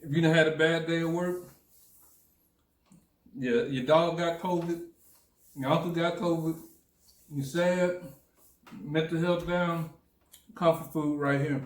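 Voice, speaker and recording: A man's voice: a little high, fairly even intonation, slow pace, pauses often, roomy sound. A man tasting a dish on camera, joking and playful, talking while he chews. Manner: playful, joking, chewing between words. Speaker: host's husband tasting the food. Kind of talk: casual chat while eating.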